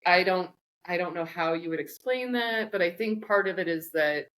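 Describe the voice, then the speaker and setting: A woman with a slightly low voice co-hosts a podcast, chatting casually. She tells her stories in a joking, rambling way. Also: normal speed, fairly bright tone. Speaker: podcast co-host. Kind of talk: casual chat.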